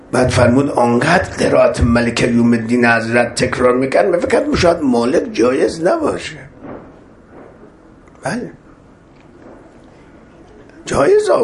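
A man's voice: medium pitch, a little hiss or hum. A man preaching a sermon, repeating phrases with rising emphasis and chanting Arabic verses.

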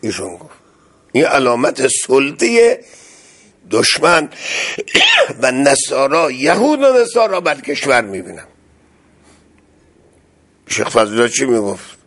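A man's voice: medium pitch, huge pitch swings, long pauses, fairly bright tone. A man preaching an impassioned religious sermon, building to emphatic outbursts.

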